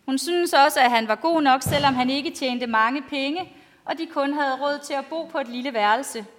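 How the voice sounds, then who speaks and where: A woman's voice: high voice, a little hiss or hum. A woman pastor giving a storytelling sermon to a congregation in simple, plainly spoken language. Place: large reverberant church, speaking to a congregation. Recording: long church-like hall reverb.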